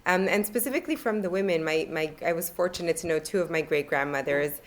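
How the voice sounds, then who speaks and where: Low-voiced woman telling family stories. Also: fast talker. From Italy. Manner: reflective storytelling with frequent ums. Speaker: author guest. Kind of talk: podcast interview.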